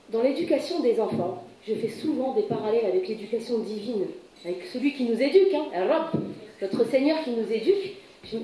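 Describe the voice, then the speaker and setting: A woman psychologist giving a conference talk, animated and acting out little everyday scenes. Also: fairly high pitch, recorded from a distance. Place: conference hall. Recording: roomy echo, voice heard from afar.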